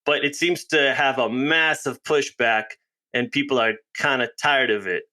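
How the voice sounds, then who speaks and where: A man's voice: mid-range voice, moderate pace, pushed and bright. A man hosting a podcast, chatting casually and loosely, often repeating words as he thinks. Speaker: podcast host. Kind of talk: casual interview chat.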